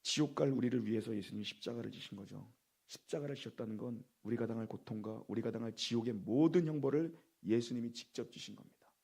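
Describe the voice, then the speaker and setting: A man's voice: medium pitch, fast talker, vocal fry, a little mellow, breathy edge. A man preaching a Good Friday sermon as pastor, repeating key phrases with emphasis and quizzing the congregation. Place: church sanctuary.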